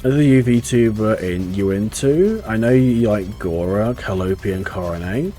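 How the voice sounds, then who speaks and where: A man's voice: on the low side, expressive, normal speed, dark tone. A man streaming a game live, chatting casually and rambling, swearing freely with lots of restarts. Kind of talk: casual live-stream chat while gaming. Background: faint game music.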